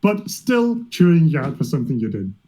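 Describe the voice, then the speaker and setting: A man's voice: on the high side, very animated, brisk, warm tone. A man chatting casually as a player in a tabletop game, on muffled, lo-fi audio. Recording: dull lo-fi voice audio.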